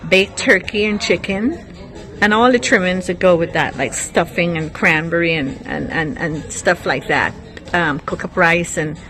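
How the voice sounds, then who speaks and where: Woman from Guyana, lowish voice, fond storytelling, faint music behind. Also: fairly bright tone, low-quality recording. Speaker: guest sharing memories. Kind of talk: reminiscing monologue.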